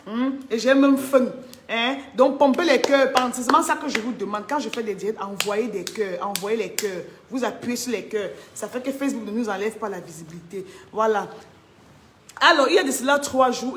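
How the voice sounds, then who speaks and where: A woman's voice: a little high, a bit bright. A woman hosting a casual phone live stream, greeting viewers by name and coaxing them to share. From Cameroon. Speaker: live-stream host selling wigs. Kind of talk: casual Facebook live chat.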